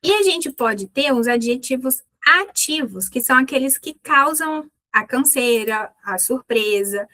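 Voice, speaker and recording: A Brazilian woman teaching an English lesson, explaining in a clear instructive way and repeating English words slowly for practice. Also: sits high, lively intonation, bright, forceful tone. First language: Portuguese.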